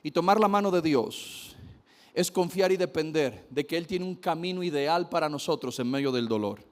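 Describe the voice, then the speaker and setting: A man's voice: fairly high pitch, lively intonation, normal speed. A man preaching a sermon, emphatic, repeating key phrases and speaking straight to his listeners.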